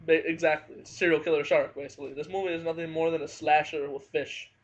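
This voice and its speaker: A man talks through a movie review at home, family close by, speaking fast in a slightly high, level voice. He's hesitant, with frequent fillers and hedges, and the home recording sounds dull and lo-fi.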